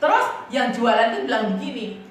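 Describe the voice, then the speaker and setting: A woman pastor preaching in a lively, chatty way, telling personal stories and often asking the congregation to agree. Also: a little high, fairly quick, a little hiss or hum. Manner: lively storytelling, keeps asking the congregation "right?"; casual and chatty, often laughing as she tells stories. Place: church. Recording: echoey church hall from a distant mic.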